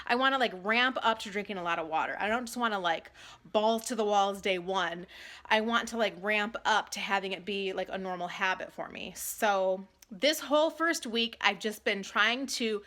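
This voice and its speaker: A woman's voice: mid-range voice, normal speed, pushed and bright. A woman vlogger talking in a casual video diary style, chatty, candid and a little self-deprecating.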